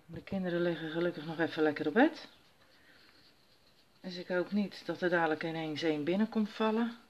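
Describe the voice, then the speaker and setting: The audio is dull, and the woman's fairly low voice moves briskly. She's a crafter showing stamping at home while her children sleep, casually talking herself through each step of the work.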